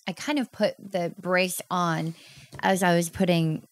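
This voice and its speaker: A woman in her thirties, appearing as a podcast guest, tells her personal story earnestly and from the heart in a candid interview. She speaks at a measured pace in a fairly low voice with fairly even intonation.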